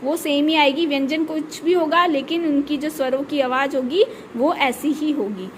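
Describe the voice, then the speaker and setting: A woman's voice: high-pitched, steady tone, normal speed, slight background noise. A woman teacher explaining a grammar lesson step by step, often checking in with her class. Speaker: school teacher.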